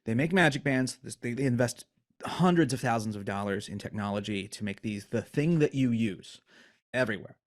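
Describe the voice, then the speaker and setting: A man hosting a podcast, chatting casually with friends and ranting in an animated, joking way. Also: medium pitch, a little fast. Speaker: podcast host. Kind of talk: casual chat.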